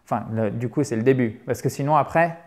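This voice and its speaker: A man's voice: medium pitch, fairly quick, darkish tone. Playful man teaching pronunciation. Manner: playful, exaggerates vowel sounds for demonstration; checks in with listeners often. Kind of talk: online language lesson.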